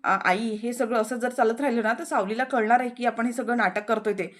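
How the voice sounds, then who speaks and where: Young woman doing a chatty serial recap voiceover, kinda high voice, talks to you like a friend. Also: a little fast. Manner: chatty, addresses listeners as friends. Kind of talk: storytelling recap voice-over.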